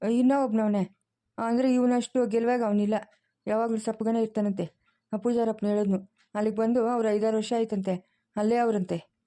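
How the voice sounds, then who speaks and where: A woman voices a gentle old grandfather in a homemade village drama. He talks with a rural Kannada accent, slightly high and mellow in tone, and explains things patiently to calm his worried family. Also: normal speed, lightly acted. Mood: reassuring. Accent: rural Kannada, Chikkaballapur region. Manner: patient, soothing, explains at length. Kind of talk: amateur family drama acting.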